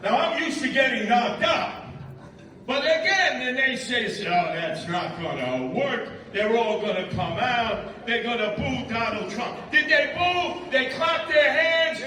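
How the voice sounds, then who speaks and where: A man who is a rally speaker and radio host declaims an impassioned, emphatic, repetitive speech in a very high, expressive, pushed and bright voice at a measured pace. It comes through an echoey public address from far off.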